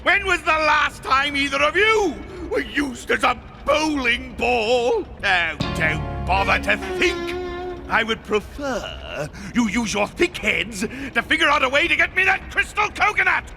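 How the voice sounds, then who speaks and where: Gravelly, swooping cartoon crocodile king villain, King K. Rool. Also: very high-pitched, big pitch swings, measured pace, heavily acted. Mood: scolding. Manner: pompous, melodramatic, bellowing then silky. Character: pompous, scheming, hot-tempered crocodile king villain. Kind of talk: theatrical cartoon villain acting. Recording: cartoon soundtrack with loud music.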